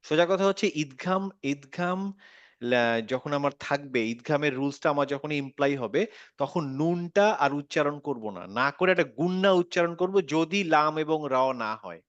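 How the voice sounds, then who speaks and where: A man's voice: a little high, expressive, unhurried, no echo, highs cut off. A man teaching a Quran recitation lesson, patiently repeating words and checking that his student follows. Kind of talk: online tajweed lesson.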